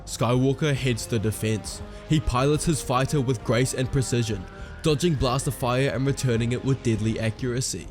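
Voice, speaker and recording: A man giving steady, dramatic scripted storytelling narration. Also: mid-range voice, moderate pace, music in the background.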